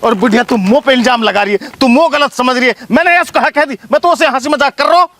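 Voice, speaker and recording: A man's voice: very high voice, fast, sharp tone, dry recording. A man playing a lecherous old village man, whiny and teasing in a village comedy skit. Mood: protesting innocence. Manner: teasing, whiny and self-pitying. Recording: faint background noise.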